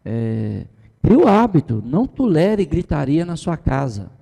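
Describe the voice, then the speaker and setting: Middle-aged man, pastor-style teacher, somewhat high voice, mellow tone, reverberant room. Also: sing-song, a little slow, creaky, breathy edge. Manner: conversational, tag questions, mimics the people he quotes. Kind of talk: informal church teaching.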